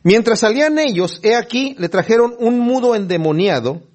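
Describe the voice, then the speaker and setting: A man preaching a sermon, retelling scenes with animated storytelling and small acted-out voices. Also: very high-pitched, normal speed.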